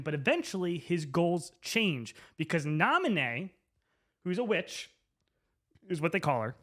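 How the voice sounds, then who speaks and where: Drunk, high-voiced man rambling through a story. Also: a bit bright. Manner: drunk, loose, slangy storytelling; emphatic, repeats names and phrases for effect. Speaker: presenter. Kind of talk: comedic rambling story explanation to camera.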